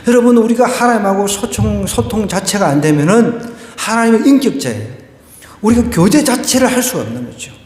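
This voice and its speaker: High-voiced preaching man in echoey hall. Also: a little mellow. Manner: conversational preaching with rhetorical questions and a told joke. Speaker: pastor. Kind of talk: sermon. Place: church sanctuary.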